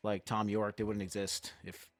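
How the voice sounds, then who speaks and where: A man's voice: on the low side, flat delivery, moderate pace, no room sound. A man hosting a casual music chat podcast, easygoing and rambling with fillers. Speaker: podcast host.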